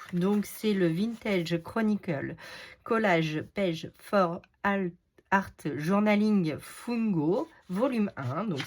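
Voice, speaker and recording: A woman talks through a casual craft unboxing in an unhurried, halting way. She leans on small fillers as she goes, with a faint hiss of noise behind her. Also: on the low side, a little mellow. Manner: chatty, frequent "euh" and "donc" fillers; hesitant, halting delivery. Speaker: craft video host.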